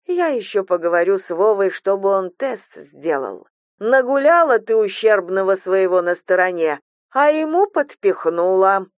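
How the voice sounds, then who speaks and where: Woman voicing cruel older mother-in-law, slow cold hissing delivery, contemptuous, mid pitch, dry close sound, audiobook. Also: sing-song, dry recording. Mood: venomous.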